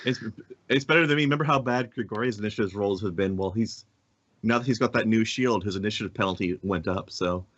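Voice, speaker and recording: Low-voiced joking male player. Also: fast talker, a bit bright, no echo, lo-fi sound. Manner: joking, teasing. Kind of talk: tabletop game banter.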